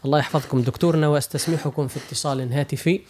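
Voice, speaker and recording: Tunisian male radio host, rapid talker who keeps the show moving. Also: on the high side, fairly even intonation. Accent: Tunisian Arabic. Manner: rapid, warm interjections and blessings. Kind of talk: radio call-in talk.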